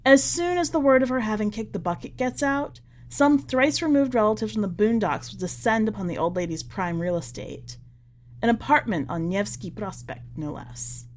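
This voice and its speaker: There's slight background noise as a woman narrates a short story on a podcast. Her mid-range voice carries an expressive, scripted delivery with wry, deliberate stress on certain words.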